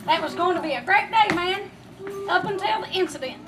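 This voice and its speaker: A woman's voice: very high voice, lively intonation, fairly quick. A woman playing a laid-back, scatterbrained surfer dude who drawls slang like "man" and "crazy" in a live church skit. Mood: goofy. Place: large hall with an audience. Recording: distant live recording with crowd and noise.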